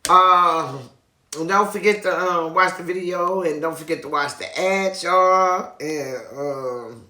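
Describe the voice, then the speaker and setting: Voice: mid-range voice, slow, bright, forceful tone. A person chatting casually and effusively to viewers as a video host, often repeating phrases. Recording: echoey room.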